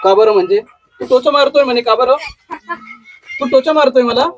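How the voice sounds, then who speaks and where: A woman with a high voice patiently coaxes her pet crow to speak, repeating single words in a sing-song way at normal speed. The rough recording has no room sound and soft background music.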